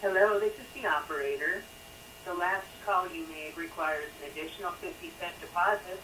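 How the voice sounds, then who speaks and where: Brief: woman as an impatient telephone operator on a payphone line, lowish voice, distant and echoey with line noise. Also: moderate pace. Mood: curt. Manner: blunt, impatient, businesslike. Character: curt female telephone operator demanding coins. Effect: voice heard through a payphone handset. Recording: distant, echoey, noisy phone audio.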